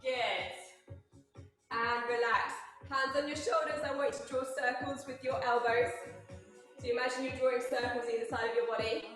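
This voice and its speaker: A young British woman with a high voice runs a home workout class and cheers people on as she counts down. She is recorded in a very echoey room with music playing behind her. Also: steady tone, normal speed, a bit bright. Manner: upbeat coaching, counting down reps. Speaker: fitness and cooking instructor. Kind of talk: online workout class instruction.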